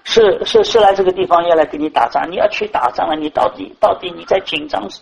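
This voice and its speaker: A man with a high voice preaches a sermon. He talks to the congregation directly, asks rhetorical question after rhetorical question and keeps falling back on filler words. His tone is admonishing but conversational. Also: fast, creaky, lo-fi sound, slight background noise.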